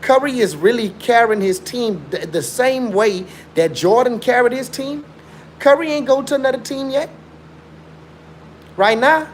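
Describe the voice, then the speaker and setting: On a casual live stream, a young host makes his case with emphatic, slangy, repetitive talk in an extremely high-pitched voice, over slight background noise. He was born in Chicago and raised in South Africa.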